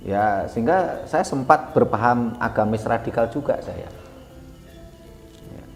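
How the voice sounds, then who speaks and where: A man recounting his life in a relaxed, halting way, full of fillers and self-corrections. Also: mid-range voice, creaky. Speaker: guest telling his life story. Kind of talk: casual spoken memoir. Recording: echoey room with long reverb, faint music.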